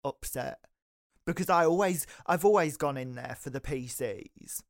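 A man's voice: on the high side, unhurried, creaky, dry recording, clean studio sound. A young British man co-hosting a casual comic podcast, chatting in a rambling, enthusiastic, giggly way. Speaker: podcast co-host.

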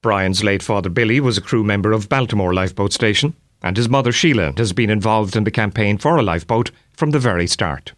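A man's voice: fairly low pitch, fairly quick, few pauses. An Irish man presenting a documentary with scripted narration. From southwest Ireland.

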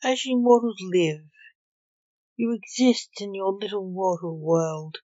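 A stern, brusque skeletal Reaper in a monk's robe, read by a woman in a slow, even storybook voice. He speaks in curt, solemn pronouncements. The recording is dry and slightly muffled. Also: mid-range voice, dry recording, close to an everyday voice.

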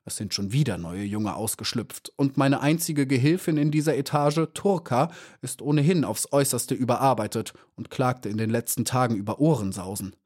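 A man's voice: medium pitch, normal speed, few pauses, a little mellow, lightly acted. Man voicing stern sighing old bee Cassandra. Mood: lecturing. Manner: scolding, sighing, lecturing. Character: stern fussy old female worker bee.

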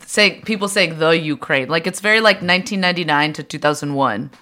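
A woman co-hosting a podcast in casual chat, teasing her co-host and quick to laugh. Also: on the low side, bright, forceful tone.

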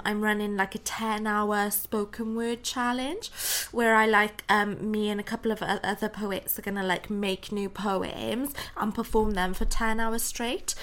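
A woman's voice: mid-range voice, a bit bright. Young woman with a Welsh Valleys accent. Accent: South Wales Valleys. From Pontypridd, South Wales. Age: 20s. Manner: chatty, hesitant, laughs readily. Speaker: interview guest. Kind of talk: casual chat.

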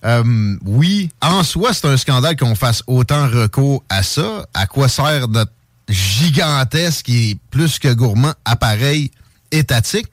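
A man's voice: medium pitch, expressive, measured pace, no room sound, studio quality, faint music behind. Indignant Québécois male commentator. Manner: indignant, emphatic. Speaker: radio commentator. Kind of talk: opinion commentary.

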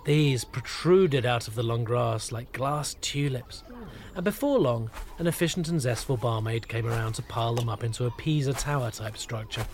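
A man tells a comic story in a deadpan, mock-grand way, as if reading a serious report. His voice sits at an ordinary middle pitch, and a faint hiss lies under the recording. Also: moderate pace. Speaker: narrator of a comic pub review. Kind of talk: scripted comic narration.

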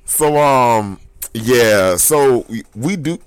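A man co-hosting a podcast, chatting casually about comics and reacting with animated, high-pitched disbelief. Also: drawn-out words, smooth, no room sound. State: hiccups. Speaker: podcast co-host. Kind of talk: casual comic book chat.

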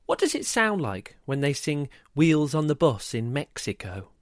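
A man's voice: very animated, moderate pace, no echo, clean studio sound. A man voicing a curious little boy full of questions, in a storybook reading. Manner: high, eager, questioning.

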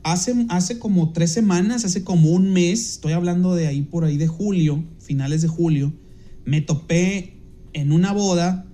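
A Mexican man with a fairly high but mellow, warm voice recounts an anecdote in a loose, rambling way, full of fillers and self-corrections. He hosts a podcast and works as a DJ, and when he quotes someone he slips into a brighter, livelier voice. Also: normal speed. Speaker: podcast host and DJ. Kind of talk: casual anecdote telling.

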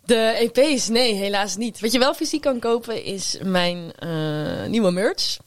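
Een vrouwelijke popartiest die als gast in een podcast levendig en met veel stopwoordjes over haar muziek vertelt. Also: female voice, mid-range voice, a little slow, no room sound. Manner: energetic, chatty, many fillers. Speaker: guest musician. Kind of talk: podcast interview. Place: studio at a table.

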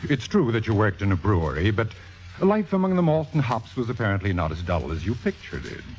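In a 1950s radio drama, a man plays a cynical, commanding theater critic, delivering his lines in a precise, sardonic, possessive way that feels cold and menacing. His lowish, darkish voice swings widely in pitch at a fairly quick pace. The vintage recording is dull, with music behind him.

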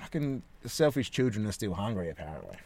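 A man's voice: fairly low pitch, sing-song, a little fast, creaky, dark tone, slightly rough, dry recording. An Australian man hosting a podcast, telling stories and bantering casually in a cheeky, sweary way. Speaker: podcast host.

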